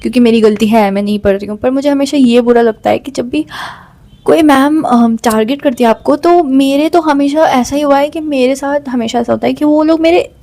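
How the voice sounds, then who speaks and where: A woman's voice: high voice, a little fast, warm tone. A young woman casually telling a personal story to camera, chatty and full of fillers. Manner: chatty, mixes English into her speech, many fillers. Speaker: vlogger.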